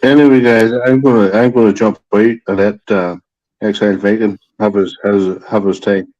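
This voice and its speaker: A man's voice: on the low side, fairly even intonation, normal speed, a little mellow, muffled recording. A man chatting on a live stream, talking in a crude, brash way. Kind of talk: casual chat.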